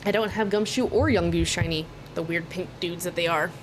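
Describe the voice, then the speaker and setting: Chatting through a gaming stream, this fairly low-pitched woman from Oklahoma speaks a little fast, rambling informally with the occasional curse word. She comes across as somewhat tired, and her mic picks up noticeable background noise.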